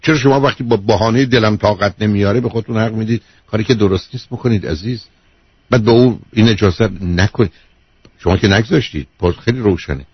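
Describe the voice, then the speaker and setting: Husky man lecturing emphatically on radio. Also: on the low side, no room sound. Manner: emphatic, lecturing, repeats key points, calls the caller "dear". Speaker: radio advice host, a doctor. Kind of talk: call-in radio counselling. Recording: dull lo-fi radio broadcast.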